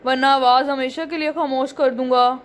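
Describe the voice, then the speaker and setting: A woman's voice: high-pitched, steady tone, normal speed, close to an everyday voice. A woman voicing a menacing male plane hijacker who barks threats in a doll story. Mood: threatening. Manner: threatening, barking orders. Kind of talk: doll story role-play.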